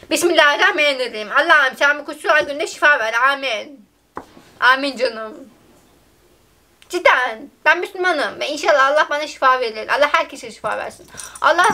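A woman's voice: high-pitched, pushed and bright, a little hiss or hum. A woman vlogger chatting casually to her viewers, giggly and self-mocking. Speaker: TikTok vlogger.

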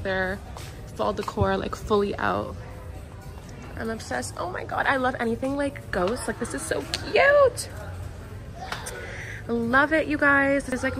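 A young woman chatting casually to her handheld camera in a vlog, bubbly and gushing, full of "like" and "obsessed". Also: a little high. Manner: bubbly, gushing, filler-heavy. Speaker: vlogger. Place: car and shops, indoors. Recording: echoey room with faint ambient noise.

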